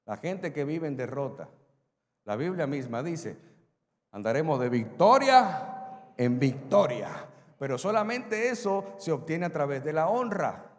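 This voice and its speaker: A man preaching a sermon as pastor, swinging between loud emphatic lines and quiet asides. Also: on the high side, very animated, measured pace. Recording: long hall reverb.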